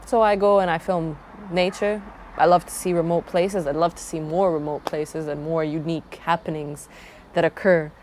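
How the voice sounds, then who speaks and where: This young woman from Croatia, a travel vlogger, casually presents herself and her channel to camera in a thoughtful, rambling way full of restarts. Her deep voice has a darkish, steady tone at normal speed, and there's a little hiss or hum.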